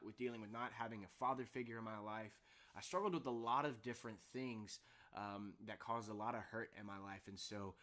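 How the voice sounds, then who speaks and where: A young man sharing a personal faith testimony in a vlog, earnest and halting, with many fillers and restarts. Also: fairly low pitch, a bit bright. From Houston area, United States. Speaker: vlogger.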